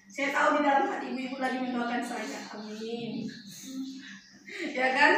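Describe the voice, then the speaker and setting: A woman's voice: high-pitched, pushed and bright, slight background noise. Woman preacher, chatty and questioning, recorded from afar in a very echoey church hall. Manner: chatty, storytelling, asks the audience questions. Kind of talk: sermon. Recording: echoey hall, mic far off.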